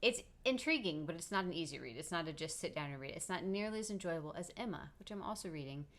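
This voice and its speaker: A woman's voice: fairly low pitch, lively intonation, quick pace. A woman co-hosting a podcast, chatting casually and filling her talk with "like". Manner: chatty, many fillers like "like". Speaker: podcast co-host. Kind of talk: casual conversation.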